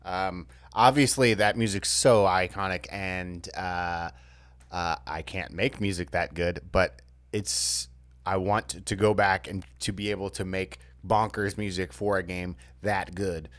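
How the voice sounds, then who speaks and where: Deep-voiced laid-back male podcaster. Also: steady tone, measured pace, a bit bright, no room sound. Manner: laid-back, hesitant with many fillers, swears casually. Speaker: podcast co-host. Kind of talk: casual chat.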